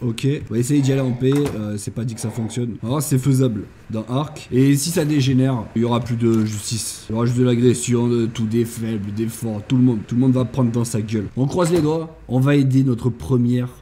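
A man's voice: medium pitch, fairly even intonation, a little fast, few pauses, warm tone, a little hiss or hum. A man hosting a gaming channel, chatting casually and thinking aloud as he plays, with jokey asides. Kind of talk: casual let's-play commentary.

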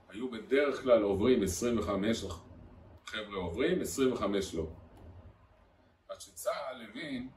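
Distant rabbi in an echoey hall. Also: male voice, mid-range voice. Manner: chanting drills and asking the audience questions. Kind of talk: Torah lesson to a live audience. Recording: echoey room, far from the mic, faint noise.

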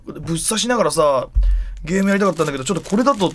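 A man streaming live, chatting casually in rough slang with loud exclamations while he handles and examines an object. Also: a little high, expressive, rapid-fire, soft background music.

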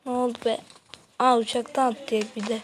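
A woman's voice: on the high side, flat delivery, slight background noise, poor audio. A woman giving casual commentary on her own gameplay, with dramatic yelps and wails whenever her character falls. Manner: dramatic yelps and wails at each fall, slow chatty talk. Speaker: gaming video host.

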